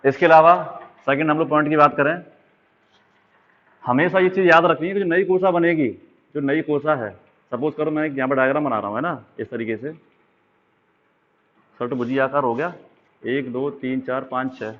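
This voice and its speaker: A man's voice: a little high, normal speed, pauses often. Male teacher, exam-prep biology lesson, draws as he explains, checks in often, thin phone-like audio. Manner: explaining while drawing diagrams, frequent check-ins. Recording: tinny phone-like sound.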